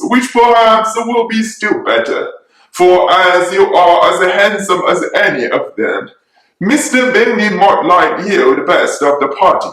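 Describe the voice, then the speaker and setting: Man playing a dry, sarcastic, slow-talking husband. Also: sits high, a bit bright, full character voice. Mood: mock-innocent, teasing. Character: dry, sarcastic, teasing middle-aged husband and father. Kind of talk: dramatic reading of a classic novel. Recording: echoey room.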